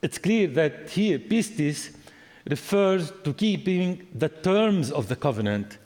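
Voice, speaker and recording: A man giving an academic lecture on scripture, deliberate and explanatory, with fillers and restarts. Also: on the high side, expressive, a little mellow. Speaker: biblical studies lecturer. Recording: long hall reverb.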